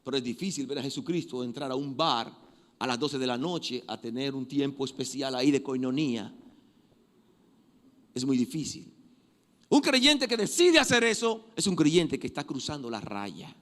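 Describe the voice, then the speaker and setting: A man preaching a sermon, emphatic and given to repeating phrases, shifting from loud exhortation to quiet prayer. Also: mid-range voice, lively intonation, normal speed. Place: church. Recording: long reverb of a church hall.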